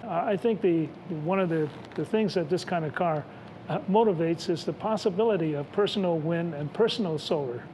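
A man's voice: on the high side, fairly quick, darkish tone, slight background noise, rough recording. Earnest older male engineering professor. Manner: earnest, explains with fillers and restarts. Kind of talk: explanatory interview talk.

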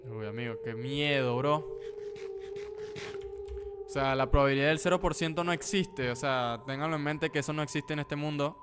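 A man's voice: on the high side, moderate pace, background noise. A young man giving horror gameplay commentary from home on a desk mic, chatty and prone to sudden yelps and slangy exclamations. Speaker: gaming video creator. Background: game music.

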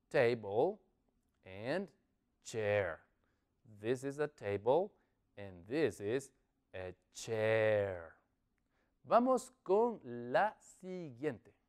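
A man with a Latin American Spanish accent teaching children English words, encouraging them and drawing out each word slowly for repetition. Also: mid-range voice. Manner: slow, drawn-out model pronunciation; lively, encouraging, repeats words.

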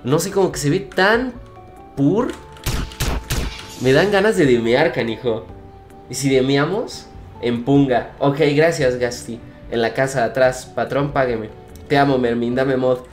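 A man's voice: medium pitch, unhurried. Playful young man streaming games. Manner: playful, joking, repeats phrases, laughs often. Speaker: gaming streamer. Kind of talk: casual gameplay commentary. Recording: faint music behind.

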